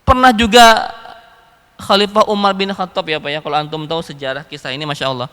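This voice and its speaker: Male preacher, high bright voice, animated storytelling sermon, echoey hall. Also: quick pace, clear, resonant tone. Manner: animated, addresses the audience often.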